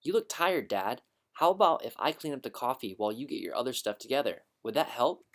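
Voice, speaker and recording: Storybook voice: man playing a caring, earnest young schoolgirl, raised and gentle. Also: mid-range voice, sing-song, fairly quick. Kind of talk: storybook reading.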